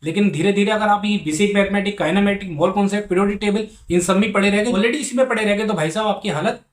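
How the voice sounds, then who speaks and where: Young male vlogger, higher-pitched, very fast and repetitive, earnest mentor tone. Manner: rapid, earnest, repetitive, addresses viewers as bhai sahab. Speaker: medical student giving exam advice. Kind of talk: casual advice vlog.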